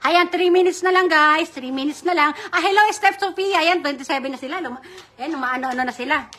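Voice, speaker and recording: A mother hosting a live-stream giveaway, chatting casually and giving shout-outs to viewers as she reads their comments. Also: sits high, brisk, a little hiss or hum. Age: adult mother. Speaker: livestream host running a giveaway.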